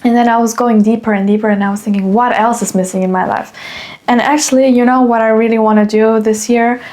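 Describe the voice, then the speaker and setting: A woman's voice: a little high, steady tone, quick pace, darkish tone. A young woman from Germany hosting a solo podcast, talking casually and rambling, with many fillers and restarts. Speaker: podcast host.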